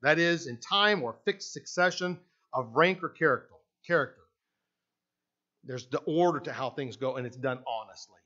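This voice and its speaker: An older Canadian pastor preaches a sermon in a church sanctuary, his medium-pitched male voice bright and forceful at a normal speed, though the audio is dull. He talks conversationally, restarting sentences and often asking "right?", while pacing around a podium mic and frequently walking away from it.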